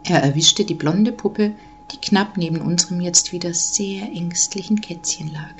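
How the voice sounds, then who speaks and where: A woman gently reading a children's Christmas story aloud, measured and calm. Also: fairly low pitch, slight background noise.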